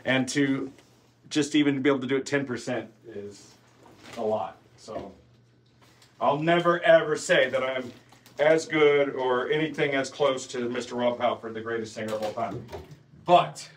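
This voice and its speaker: A man's voice: medium pitch, fairly even intonation, unhurried, pauses often. A man in his forties, a band singer, chatting casually in a vlog, rambling and swearing freely. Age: 40s.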